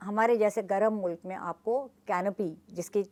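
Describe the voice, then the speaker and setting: A woman's voice: mid-range voice, darkish tone. A woman with a Pakistani Urdu accent, speaking as an interview guest and explaining her points earnestly with examples. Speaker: guest, journalist and environmentalist.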